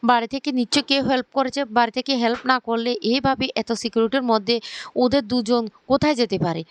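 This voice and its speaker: A woman's voice: fairly high pitch, steady tone, fast, no echo, pitched above the performer's own voice, lightly acted. A woman voicing an anxious, bewildered mother. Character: worried mother of the household.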